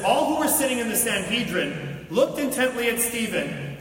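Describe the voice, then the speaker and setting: A man preaches conversationally, mixing storytelling and teaching with colloquial asides. He has a very high-pitched, bright voice with a forceful tone. The recording comes from a distant mic in an echoey hall, with faint noise.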